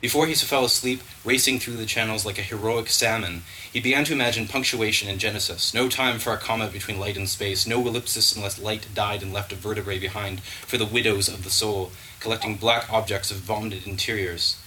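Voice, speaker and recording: Low bright-toned man reading poetry. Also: steady tone, a little hiss or hum, low-quality recording. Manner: measured, dense and lyrical. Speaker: poet.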